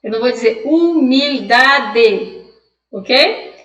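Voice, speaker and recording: A woman teaching a Spanish pronunciation lesson, explaining patiently and drilling words slowly. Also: a little high, a bit bright, recorded from a distance. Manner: explanatory, drills words slowly, asks students' questions aloud. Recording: echoey room, voice off-mic.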